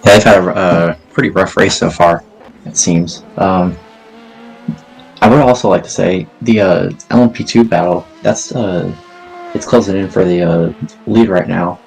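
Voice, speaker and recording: Really deep gravelly guy, kinda husky, hesitant race commentary. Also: darkish tone. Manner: hesitant, halting. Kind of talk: sim racing commentary.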